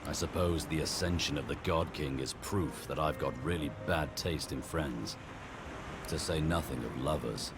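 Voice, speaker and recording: A man's voice: a bass voice, moderate pace, noisy background. An actor playing a bitter, disillusioned rebel man in a video game. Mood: bitter disgust.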